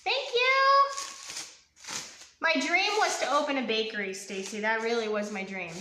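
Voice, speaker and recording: A young woman chats her way through a live baking demo in an echoey home kitchen. Her voice is high and bright, and she rambles with lots of ums and little asides to viewers. A faint hiss sits under the recording. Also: expressive, a little fast. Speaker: home cook hosting a live baking stream. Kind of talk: casual live cooking demo.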